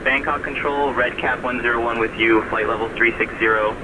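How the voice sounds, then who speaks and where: Quick pilot on a distant helmet radio. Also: male voice, mid-range voice, noisy background. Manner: even, businesslike readbacks. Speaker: airline pilot. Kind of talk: radio check-in readbacks.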